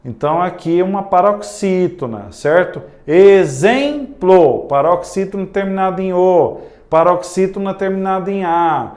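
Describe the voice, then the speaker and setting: A man with a Brazilian Portuguese accent gives an exam-prep grammar lesson, frequently facing the class and sounding out words slowly, one syllable at a time. His voice sits high with a somewhat dark tone.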